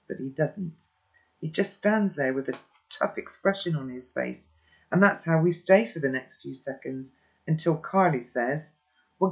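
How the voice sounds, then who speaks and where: A reader narrating a children's novel aloud in steady first-person storytelling. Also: mid-range voice, highs cut off.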